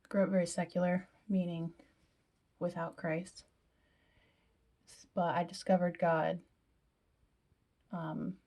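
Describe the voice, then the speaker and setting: Young woman vlogging her makeup, chatty and self-deprecating, dark voice with some fry. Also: fairly low pitch. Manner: chatty, self-deprecating, drops to whispered asides. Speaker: beauty vlogger. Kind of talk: casual makeup tutorial.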